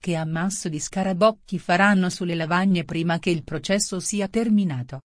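A woman voicing Alice, a curious, proud young girl, in a storybook reading, speaking softly as if thinking aloud. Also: fairly low pitch, normal speed, no room sound, studio quality, lightly acted. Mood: musing.

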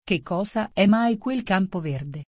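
A woman voicing a polite, curious young girl in a storybook reading, speaking gently. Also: medium pitch, animated, a little slow, no echo, studio quality.

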